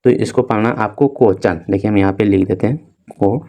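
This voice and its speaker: Low-voiced man teaching English words. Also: fairly even intonation, lo-fi sound. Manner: repeats filler "dosto" and "theek hai" often; slow, drawn-out spelling of letters. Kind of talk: spelling out and reading words on a board.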